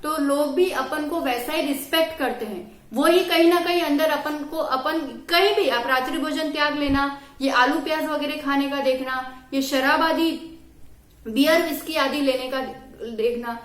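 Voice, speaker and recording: A woman with a high voice lectures young people on right living. She is earnest and firm and drops English phrases into her speech. The sound is roomy and echoey. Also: moderate pace, fairly bright tone. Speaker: religious teacher at a study camp.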